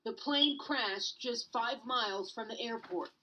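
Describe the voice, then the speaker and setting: A woman's voice: on the high side, measured pace, pushed and bright, lo-fi sound, slight background noise. A woman news correspondent narrating a scripted television report.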